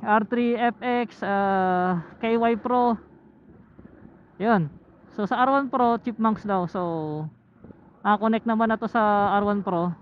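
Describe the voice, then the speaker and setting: Road noise and a tinny helmet intercom headset shape this clip of a motovlogger riding a motorcycle outdoors. With a Filipino accent and a mid-range voice, he casually reviews camera gear, thinking aloud in short, halting phrases.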